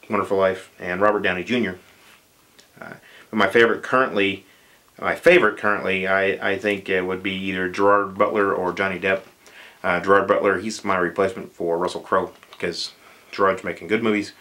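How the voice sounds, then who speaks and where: A man's voice: fairly low pitch, bright, forceful tone. A man vlogging answers to viewer questions in a casual chat, rambling with many fillers and dry jokes.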